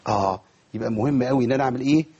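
A man's voice: mid-range voice, rapid-fire, darkish tone, husky, lo-fi sound. A man with an Egyptian Arabic accent teaching a tajweed lesson. He quizzes his students and models each pronunciation for them. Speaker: Quran recitation teacher.

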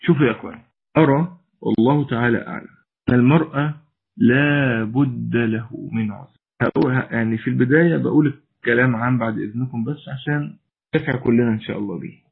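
Gravelly Egyptian man preaching, phone-thin audio. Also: mid-range voice, fast talker, phone-quality sound. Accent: Egyptian Arabic. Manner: mixes formal Arabic with colloquial, earnest and exhorting. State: straining to raise a weak voice. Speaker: preacher answering questions. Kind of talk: religious lesson with Q&A.

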